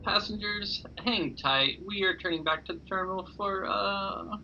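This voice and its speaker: A woman's voice: medium pitch, unhurried, bright, forceful tone, slight background noise. A woman doing a laid-back pilot on a dull intercom. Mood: announcing. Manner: casual, jokey announcements. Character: laid-back joking female airline captain.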